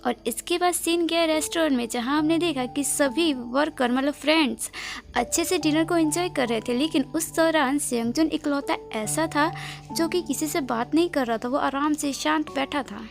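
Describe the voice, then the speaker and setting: A woman's voice: sits high, moderate pace, gravelly, faint music behind. A woman retelling a drama episode scene by scene in a casual spoken recap, linking events one after another and adding short explaining asides.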